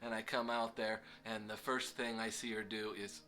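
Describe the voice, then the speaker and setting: A man's voice: lowish voice, level tone, moderate pace, pushed and bright. A middle-aged man casually telling a self-deprecating story with lots of fillers. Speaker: vlog host.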